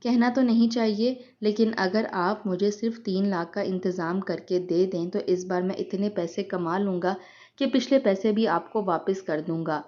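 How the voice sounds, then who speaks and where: A woman's voice: medium pitch, darkish tone, lightly acted. A woman voicing a young man, a younger brother coaxingly asking for money, in a dull lo-fi recording.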